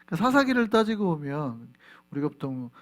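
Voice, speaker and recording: A man preaching a Sunday sermon as pastor, lively, asking the congregation questions and answering them himself. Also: on the high side, fairly quick. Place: church sanctuary.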